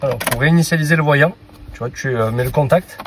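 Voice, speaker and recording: A man casually talking the viewer through a van oil change, relaxed and informal, with frequent filler sounds. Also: mid-range voice, fast, background noise. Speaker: mechanic hosting a tutorial channel. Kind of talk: casual how-to instruction.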